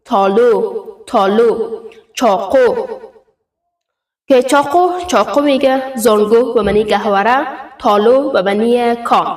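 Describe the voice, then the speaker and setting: A woman teaching a step-by-step language lesson, saying example words slowly and repeating them for drill. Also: fairly high pitch, recorded from a distance. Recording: echoey, from off the mic.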